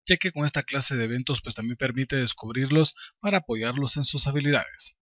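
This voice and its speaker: A man's voice: medium pitch, a little fast, a bit bright, no echo, clean studio sound. A man with a Guatemalan accent reading a scripted news report as a reporter.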